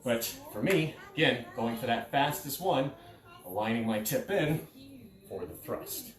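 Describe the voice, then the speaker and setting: A man's voice: mid-range voice, very animated, unhurried. A man in his thirties explaining fencing technique in a casual, informal instructional style. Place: carpeted living room. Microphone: camera several steps away. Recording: echoey room, distant from microphone.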